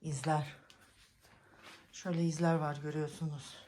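A woman's voice: flat delivery, moderate pace, slight background noise. Exasperated woman vlogging at home. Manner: exasperated, scolding her cats with sharp high shouts. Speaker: village life vlogger. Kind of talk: casual vlog talk to camera. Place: village house kitchen, indoors.

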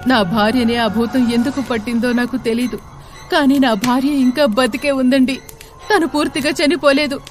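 A woman's voice: sits high, steady tone, normal speed, soft background music, close to an everyday voice. A woman voicing a desperate husband begging to save his possessed wife. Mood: pleading. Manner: pleading.

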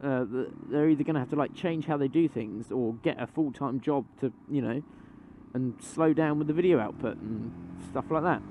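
A man's voice: mid-range voice, moderate pace, mellow. A young man chatting casually while riding a motorbike at night, rambling with fillers and casual swearing. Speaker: motovlogger. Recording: road and engine noise behind.

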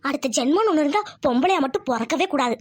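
A woman's voice: high-pitched, expressive, fast. A woman playing a frustrated young village wife who complains in an exasperated way.

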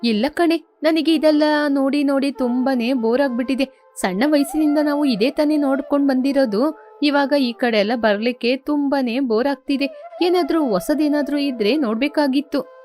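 A haughty young wife with a high, scornful voice boasts that she rules her household. A woman acts her out in a storybook tale, and soft music plays underneath. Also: normal speed, close to an everyday voice. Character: arrogant bossy young married woman. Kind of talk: storybook character voice.

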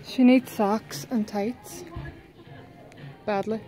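A woman's voice: on the high side, animated, very slow, mellow, faint music behind. A young woman chatting casually to camera as a vlogger, talking to her baby and pets and swearing offhandedly. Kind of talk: casual vlog chat. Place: home and then out in town.

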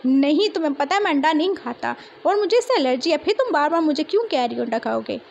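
A woman's voice: high voice, lively intonation, fast, creaky, lo-fi sound, slight background noise. A woman doing a panicky whiny young man. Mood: complaining. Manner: complaining, yelling in panic.

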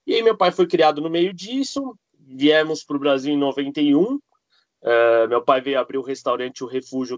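A man's voice: a little high, no room sound, dull audio. A man from Argentina, a cook and architect chatting as a podcast guest, rambling with many fillers and restarts. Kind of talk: casual interview chat.

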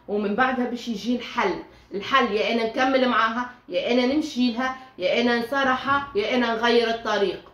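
A woman's voice: a little high, a bit bright. A woman with a Tunisian accent giving a chatty tarot reading, talking straight to her listeners with many fillers. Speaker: tarot reader. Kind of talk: casual tarot reading monologue. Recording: echoey room with faint ambient noise.

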